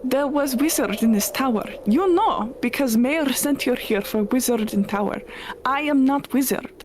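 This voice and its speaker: Mulher fazendo uma bruxa solitária e confusa da torre, fala formal e truncada, tom um pouco agudo. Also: female voice, high voice, animated, moderate pace, darkish tone, a little hiss or hum, voice pushed up. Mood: insistent. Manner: formal clipped speech dropping articles. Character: lonely confused woman witch living in a tower.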